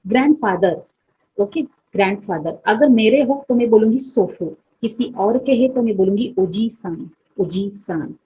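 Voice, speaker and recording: Soft, husky-voiced woman teaching vocabulary. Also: mid-range voice, animated, low-quality recording. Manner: explains patiently, repeats words slowly, asks checking questions. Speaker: Japanese teacher. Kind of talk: Hindi-English vocabulary lesson.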